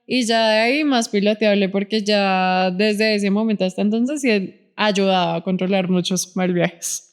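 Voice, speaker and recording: A woman's voice: medium pitch, moderate pace, smooth. A woman from Colombia with a Bogotá accent, co-hosting a podcast and telling stories with laughter in a casual chat. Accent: Colombian Spanish, Bogotá. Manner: laughing storyteller, animated anecdotes. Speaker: podcast co-host.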